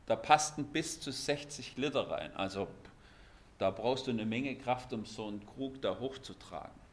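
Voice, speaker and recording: Lively preacher man. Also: medium pitch, normal speed. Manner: lively, emphatic, shifts between loud stresses and quiet asides. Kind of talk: sermon.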